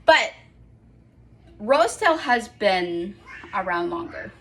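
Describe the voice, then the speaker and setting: A woman's voice: mid-range voice, big pitch swings, takes it slowly, fairly bright tone, slight background noise. A young woman in casual vlog chat at home, rambling and correcting herself with apologetic asides. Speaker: vlogger.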